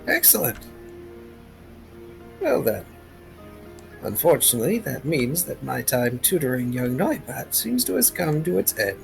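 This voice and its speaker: A man's voice: medium pitch, sing-song, unhurried, vocal fry, pauses often, soft background music. A man voicing a wise, courteous old psychic mentor creature in a tabletop role-play, speaking in formal, scholarly phrases. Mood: scholarly, gentle. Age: older.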